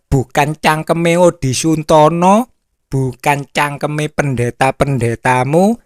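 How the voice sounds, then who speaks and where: A man's voice: on the high side, dry recording, studio quality. A man preaching a sermon, telling a story in a blunt, repetitive way.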